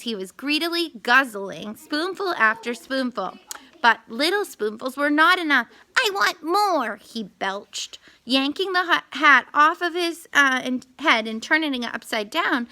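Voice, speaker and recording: A woman reading a children's storybook aloud, expressive, with little asides and corrections. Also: high-pitched, a little slow.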